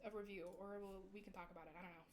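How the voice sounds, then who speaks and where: A woman's voice: medium pitch, steady tone, very fast. A young woman VTuber chatting casually with her stream viewers, rambling and giggling often.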